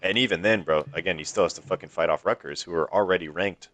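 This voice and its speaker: Deep-voiced young man trash-talking. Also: fast talker, a bit bright. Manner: trash-talking, profane, needling. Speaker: online league player. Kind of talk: casual gaming chat.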